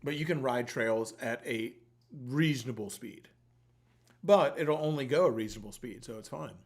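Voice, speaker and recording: A man's voice: mid-range voice, moderate pace. A man hosting a giveaway livestream, chatting in a loose, rambling, informal way with plenty of swearing. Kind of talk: casual rambling livestream chat.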